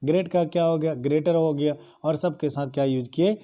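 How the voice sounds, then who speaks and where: A man's voice: a little high, steady tone, a little fast, mellow. A young man teaching a grammar lesson, explaining in Hindi and often asking the class rhetorical questions.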